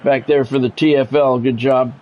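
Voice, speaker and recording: A man offers live play-by-play on a football video game in a steady, a little mellow mid-range voice at normal speed. Clipped announcer phrases alternate with candid asides, picked up by a dull, lo-fi microphone with faint noise in the background.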